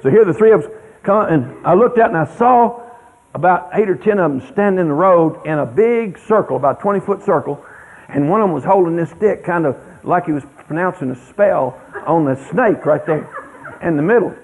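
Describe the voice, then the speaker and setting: A middle-aged man tells a folksy story to an audience in a rambling, animated drawl. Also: sits high, brisk. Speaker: speaker telling a story to an audience. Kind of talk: folksy anecdote telling. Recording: tinny radio broadcast.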